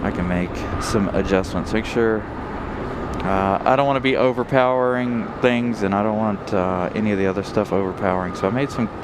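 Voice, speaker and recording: A man's voice: lowish voice, normal speed. A man talking through a full face mask, chatting casually and rambling a bit as he hosts a live plane spotting stream outdoors on a windy day. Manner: relaxed, chatty, rambling with fillers.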